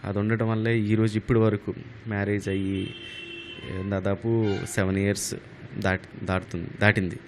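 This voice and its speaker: Interviewee, man in his thirties; low voice, faint background noise. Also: flat delivery, moderate pace, pauses often. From Krishna district, Andhra Pradesh. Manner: plain-spoken, mixes in English.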